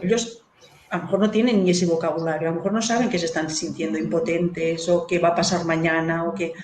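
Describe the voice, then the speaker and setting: This woman talks fast in a fairly low, steady, slightly mellow voice. She is an author being interviewed about grief in children, answering earnestly and often adding "¿no?" to her phrases. A roomy echo and faint noise surround her voice.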